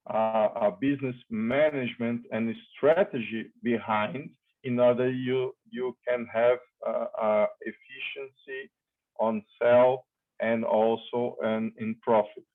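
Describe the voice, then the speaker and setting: Slow, halting man on a call. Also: medium pitch, steady tone. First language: Portuguese. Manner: halting, many fillers and restarts. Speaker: business founder presenting his company. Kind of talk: online panel talk. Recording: phone-like video call audio.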